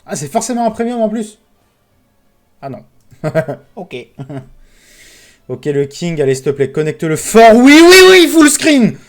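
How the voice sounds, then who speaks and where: A man streaming casino games, commentating live, excitable, pleading with the game and calling out sums. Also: on the high side, a little slow, long pauses, soft background music.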